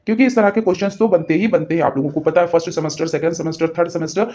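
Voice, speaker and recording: A man's voice: fairly high pitch, very fast, a little mellow. A man teaching an exam-prep lesson, explaining answers step by step, checking in with his students and correcting himself as he goes. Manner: self-corrects mid-answer.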